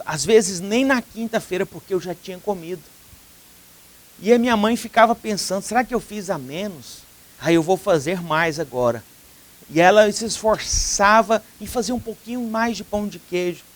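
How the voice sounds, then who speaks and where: A Brazilian man preaching as a pastor on a television program. His voice sits high for a man, and he tells a long story with earnest feeling. He brings the quoted dialogue of its characters to life as he goes. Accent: Brazilian Portuguese. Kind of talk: sermon storytelling. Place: TV studio.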